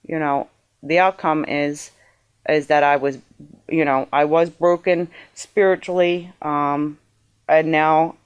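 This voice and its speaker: Woman recounting a sighting in halting bursts. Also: low voice, steady tone, clean tone, dull audio. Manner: halting, earnest, many fillers and restarts. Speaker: eyewitness interviewee. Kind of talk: emotional personal testimony.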